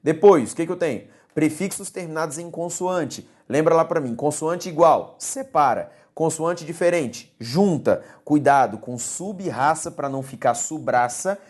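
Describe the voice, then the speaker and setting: A woman's voice: deep voice, measured pace, hardly any pauses, a little mellow. A woman teacher giving a recorded grammar lesson, explaining step by step and checking in with her students. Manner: didactic, repeats key words, checks in with "tudo bem?".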